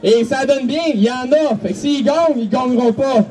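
High-voiced stadium announcer. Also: male voice, moderate pace, mellow, far from the mic, faint music behind. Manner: hyping the crowd, calling out contests. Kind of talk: live PA announcing at a game. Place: outdoor football stadium.

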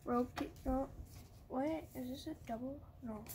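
High-voiced woman reading out card names. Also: measured pace, noisy background. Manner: reads card names aloud, hums little sound effects. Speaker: channel host. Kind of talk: casual pack-opening vlog.

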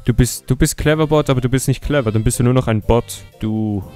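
A man's voice: medium pitch, a little fast, a little mellow, soft background music. A young man hosting a comedy video, mocking and sarcastic as he comments, often laughing. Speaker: YouTuber host.

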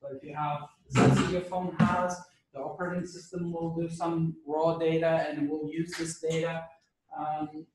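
Hoarse male lecturer in an echoey room. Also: fairly high pitch, level tone, normal speed. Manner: conversational, checks in with "okay?". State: losing his voice, clearing his throat. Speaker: university lecturer. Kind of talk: classroom lecture. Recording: echoey room, mic at a distance.

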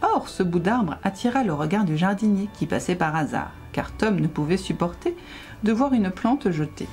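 A woman reading a rhyming children's Christmas story aloud as a librarian, with expressive storytelling. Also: lowish voice, normal speed, soft background music.

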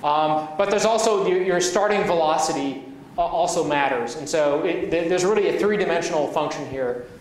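A man lecturing in a big echoey hall, caught from some way off the mic. His voice sits a bit high for a man. He stumbles, repeats words and fills pauses with "uh" as he explains. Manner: halting, many restarts and fillers. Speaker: university lecturer. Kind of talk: academic lecture. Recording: echoey hall, from far off, faint noise.

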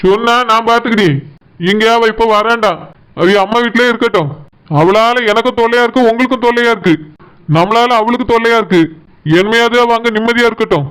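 A man's voice: very high voice, fast talker, fairly bright tone, clear, resonant tone, rough recording. A voice actor playing a stern young village husband with a Tirunelveli Tamil accent, scolding his wife and comforting his mother. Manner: scolding, lecturing. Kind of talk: cartoon voice acting.

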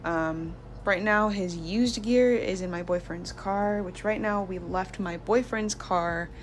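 A young woman gives a loose, wandering tour of her small new house, filming indoors on a handheld phone. She speaks slowly in a mid-range voice, peppers her talk with fillers, and coos to her dog. There's slight background noise.

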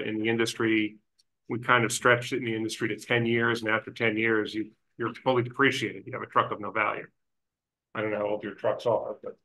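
Man, council chamber, explanatory, informal, bright tone. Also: lowish voice. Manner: explanatory, informal, restarts often. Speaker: waste industry advisor. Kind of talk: public meeting discussion.

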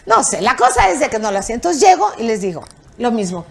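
Crowd noise surrounds this fast, gravelly, slightly high female voice. She is an older TV producer with a Mexican Spanish accent, a guest in an interview, who livens up her anecdotes by performing the dialogue loudly and laughing.

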